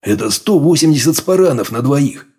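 A man's voice: medium pitch, expressive, normal speed, mellow, slightly rough, voice pushed up. A male audiobook reader voicing the first-person hero, a blunt man who shrugs off danger. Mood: plain. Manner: plain, shrugging. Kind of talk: audiobook character voice.

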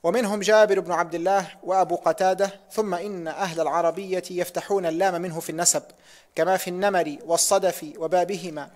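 Brisk, high-voiced man reading a text. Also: fairly even intonation, darkish tone. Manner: careful, precise reading with frequent pious formulas. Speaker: student reading text aloud. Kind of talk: reading a hadith text aloud in a lesson.

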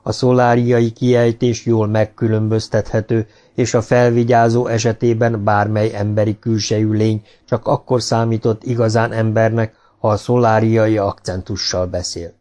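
A man doing a calm, precise robot. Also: on the low side, close to an everyday voice. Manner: polite, measured, logical explaining. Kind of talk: audiobook character reading.

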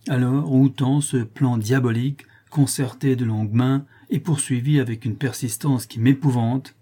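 Brooding and baffled, this melodramatic old porter is performed by a male reader who gives him lofty dignity and a readiness to be scandalized. His storybook speech is formal and exclamatory, husky and mellow, at medium pitch with a steady tone and normal speed, lightly acted.

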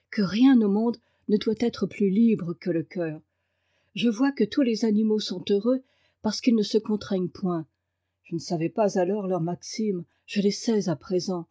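A woman voicing a gentle cursed prince who lives as a wild boar, in an earnest, pleading manner. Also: medium pitch, breathy edge, close to an everyday voice. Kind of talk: read-aloud fairy tale.

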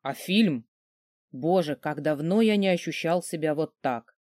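A man narrating a novel in first person, sardonic and gruff. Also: fairly high pitch, animated, unhurried, darkish tone, dry recording, clean studio sound. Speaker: audiobook narrator.

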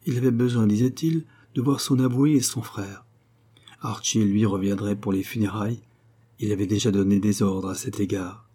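Male audiobook narrator: low, mellow voice, measured literary reading. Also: steady tone, breathy edge.

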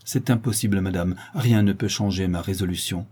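A man's voice: sits low, a little fast, mellow, slightly rough. A man voicing a stern, solemn young nobleman. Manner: cold, restrained, solemn. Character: grave, stern young nobleman, a shamed son. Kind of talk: audiobook reading.

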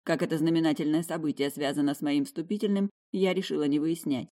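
A woman's voice: deep voice, fast. Woman narrating a wry fantasy audiobook. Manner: wry, lively storytelling. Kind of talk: first-person fantasy narration.

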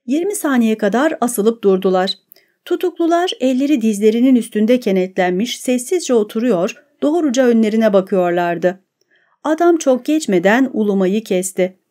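A woman narrating an audiobook in a measured, steady reading. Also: fairly high pitch. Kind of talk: scripted narration.

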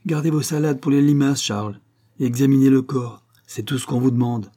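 A man's voice: medium pitch, steady tone, brisk, mellow, pitched above the performer's own voice, lightly acted. A man voicing a stern, impatient judge who scolds curtly. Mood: scolding. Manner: curt, scolding.

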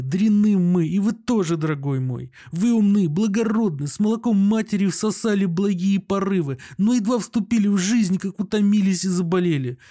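A man's voice: high voice, warm tone, voice pushed up, lightly acted. A man voicing an aging, broken provincial doctor who pleads in a trembling, self-pitying voice.

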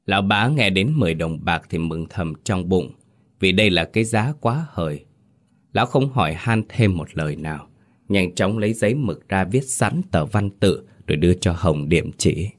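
A man narrating a scripted ghost story slowly and dramatically. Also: low-pitched, animated. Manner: slow, dramatic. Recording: narration over soft music.

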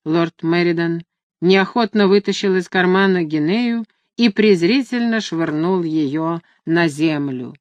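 Low-voiced woman narrating a novel. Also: unhurried, dry recording, muffled recording. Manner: steady storytelling with quoted dialogue. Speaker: audiobook narrator. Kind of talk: scripted narration.

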